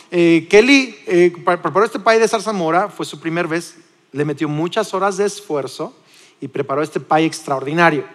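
A man in his forties with a Mexican accent, preaching a sermon in a lively, conversational way with frequent restarts. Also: fairly high pitch, in a large hall. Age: 40s. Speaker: pastor. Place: church.

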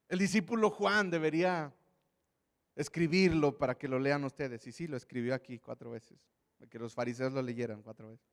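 A man preaching a lively sermon, animatedly acting out the voices of Bible figures. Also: a little high, long reverb tail.

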